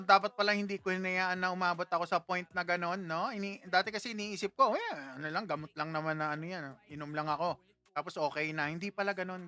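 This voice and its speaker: Playful bright-voiced man hosting a livestream. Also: high-pitched, smooth. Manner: playful, teasing, laughs often. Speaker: livestream host. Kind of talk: casual livestream chat with viewers.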